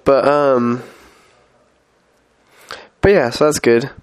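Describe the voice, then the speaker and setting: A young man on a mission talks casually through his week in an update vlog, stuffy with a head cold and using many fillers and restarts. He's a young adult with a mid-range, clean-toned voice and drawn-out words.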